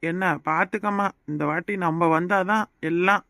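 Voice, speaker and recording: A man's voice: high-pitched, fairly even intonation, normal speed, vocal fry, bright, forceful tone, dry recording, clean studio sound, full character voice. A man voicing a patronizing middle-aged party fixer in a cartoon, with a southern Tamil Nadu rural accent. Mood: persuading. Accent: southern Tamil Nadu rural dialect. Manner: patronizing, persuasive. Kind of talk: cartoon voice acting.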